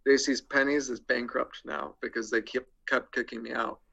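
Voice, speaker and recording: A young man as a podcast guest, deadpan with crude jokes and hesitant with many ums. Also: mid-range voice, normal speed, gravelly, lo-fi sound. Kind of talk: casual interview chat.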